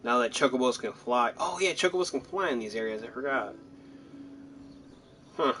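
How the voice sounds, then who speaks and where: A gaming streamer offers casual, rambling, self-deprecating let's-play commentary while he plays. His medium-pitched voice is expressive and fairly bright, at normal speed, with slight background noise.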